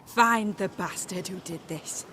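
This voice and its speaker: A woman's voice: medium pitch, measured pace, fairly bright tone, slight background noise, close to an everyday voice. An actress voicing a brash, foul-mouthed female gang leader. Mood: cocky, scheming. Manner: cocky, mocking.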